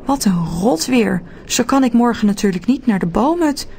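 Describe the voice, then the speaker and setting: A woman's voice: a little high, animated, normal speed, creaky, darkish tone, slight background noise. A woman voicing a curious little girl who talks in a wondering, slightly hesitant way. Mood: gloomy.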